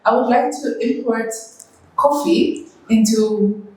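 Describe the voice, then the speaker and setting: A woman's voice: a little high, slow pace, mellow, slightly rough. A young woman born in Ethiopia and raised in the Netherlands, chatting casually as a vlogger and businesswoman, laughing easily and switching languages. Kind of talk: casual vlog narration and chat.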